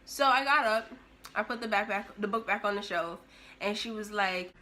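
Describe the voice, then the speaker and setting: A young woman vlogger telling a story in an animated, expressive way, acting out the scene as she goes. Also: mid-range voice, moderate pace. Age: young adult. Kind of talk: storytime vlog.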